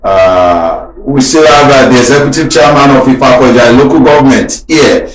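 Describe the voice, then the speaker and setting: A man's voice: medium pitch, normal speed, reverberant, rough recording. A man with a Nigerian English accent hosting a radio talk show, politely reading messages and taking calls. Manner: polite, reads out listener messages, takes calls.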